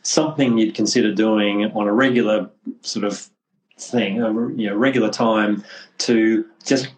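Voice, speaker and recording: A man's voice: fairly low pitch, fairly even intonation, moderate pace, low-quality recording. A man hosting a casual podcast, friendly and rambling, often restarting his sentences. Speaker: podcast host, clinic representative.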